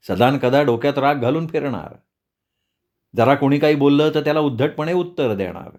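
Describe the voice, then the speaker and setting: A man narrating a serialized novel aloud in a measured, expressive storytelling reading. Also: mid-range voice.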